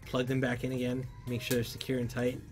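A man hosting a casual livestream, reading viewer comments and chatting loosely, with sudden loud shouts of excitement. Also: mid-range voice, a little fast, soft background music. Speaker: livestream host. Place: PC workshop.

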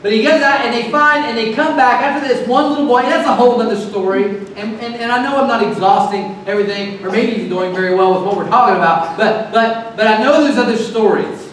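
High-pitched guy giving a sermon, chatty and animated, super echoey church hall, a bit far from the mic. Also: fast, few pauses, a little hiss or hum. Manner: conversational, animated, acts out voices with laughs. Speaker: pastor. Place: church sanctuary.

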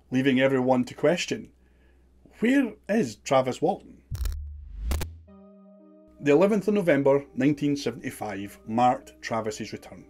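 A man's voice: mid-range voice, a little mellow. A man giving scripted documentary narration in a dramatic, suspenseful storytelling manner.

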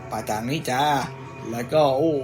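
A man's voice: moderate pace, over music. A young man casually commentating a game he is playing, teasing the enemies in a playful way. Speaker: gaming YouTuber. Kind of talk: casual let's-play commentary.

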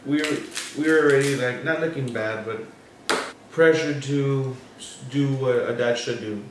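A young man co-hosting a casual meal chat, laid-back and halting, often restarting his sentences. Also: medium pitch, far from the mic, background noise. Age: young adult. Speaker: co-host and barber. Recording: roomy echo from off-mic.

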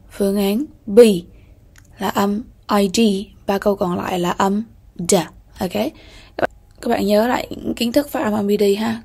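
A woman teacher with a Vietnamese accent, going slowly and methodically through an exam-prep lesson, repeating key words and checking in with "ok ha". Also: mid-range voice, gravelly, a little mellow, slightly rough. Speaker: English teacher.

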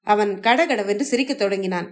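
A woman narrating a short story for an audiobook channel, steady and measured. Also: medium pitch.

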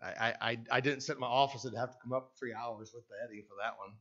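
An older Canadian pastor with a mid-range, bright, pushed voice preaches fast and fairly evenly in a church sanctuary. Conversational, he restarts often and keeps asking "right?" while pacing away from the podium microphone, captured with lo-fi sound.

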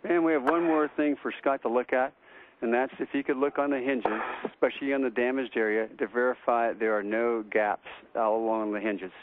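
A man at mission control speaking in brisk procedural radio talk over a space-to-ground radio transmission. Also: medium pitch, steady tone, slight background noise. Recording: narrow radio loop.

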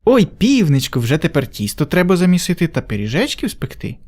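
A man voicing two lazy, playful little mice in a squeaky voice for a storybook reading. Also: big pitch swings, a little fast, a little mellow. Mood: eager.

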